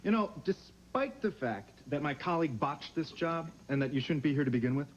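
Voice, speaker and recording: A man's voice: fairly high pitch, lively intonation, brisk, natural voice. An actor playing a cocky young male kidnapper in a 1990 TV soap, talking in a mocking, sarcastic way, on dull lo-fi TV audio with faint hiss. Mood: smug.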